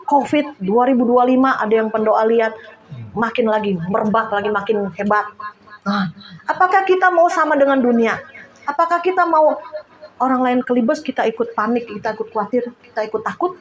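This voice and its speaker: High-voiced woman preaching with laughter. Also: fairly quick, a little hiss or hum. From Indonesia. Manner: lively storytelling with frequent laughter and cries. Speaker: lay preacher. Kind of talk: sermon. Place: church.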